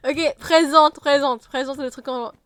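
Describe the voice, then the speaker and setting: A woman's voice: high-pitched, steady tone, measured pace, fairly bright tone, no room sound. A woman chatting casually while playing a video game, teasing her sister and laughing often. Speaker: let's play gamer. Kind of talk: casual gaming chat.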